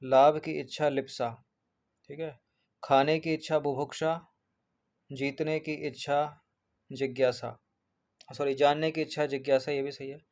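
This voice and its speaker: A man's voice: medium pitch, flat delivery, a little slow, long pauses, a little mellow. A man working through an exam paper as a teacher, going point by point, repeating each answer and checking in with his students.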